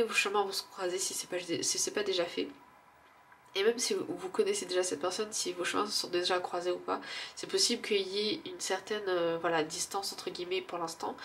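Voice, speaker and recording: A woman with a stuffy nose doing a casual oracle card reading, musing and hesitant, with frequent fillers and soft laughs at herself. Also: mid-range voice, a little hiss or hum.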